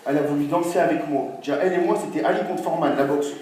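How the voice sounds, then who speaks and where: A man's voice: fairly high pitch, racing. A young man from France performing a stand-up routine, telling a story and acting out the people in it. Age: young adult. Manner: animated storytelling, acting out characters in shifting voices. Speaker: stand-up comedian. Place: comedy venue with audience. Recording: distant echoey live room with crowd noise.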